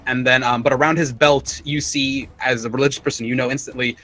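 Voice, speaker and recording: Bright-voiced male game master. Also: mid-range voice, steady tone, brisk. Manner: casual, filler-heavy description. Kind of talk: narrating a tabletop game.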